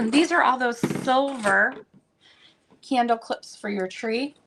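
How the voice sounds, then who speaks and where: A woman selling vintage items, chatting casually and meanderingly as she unpacks, with plenty of fillers, and a voice that is going a bit hoarse. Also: on the high side, slow pace, heavy background noise. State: losing her voice. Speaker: vintage seller showing stock. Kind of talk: casual unboxing chat.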